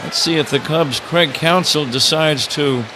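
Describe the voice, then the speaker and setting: Behind this radio announcer, the ballpark crowd and ambient stadium sound carry on as he delivers live play-by-play from the booth. His voice is fairly high and his pace a little slow.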